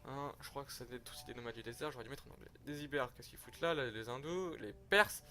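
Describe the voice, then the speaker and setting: A man's voice: mid-range voice, quick pace, sharp tone. A young man giving rambling, slangy, self-mocking commentary over a strategy game he is playing. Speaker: gaming youtuber. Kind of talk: casual gameplay commentary.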